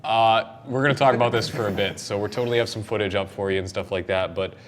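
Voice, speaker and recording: This young host of a video game discussion show has a fairly low voice and talks fast. He runs a casual panel, voicing strong opinions with emphasis, while steady background noise fills the noisy room he's recorded in.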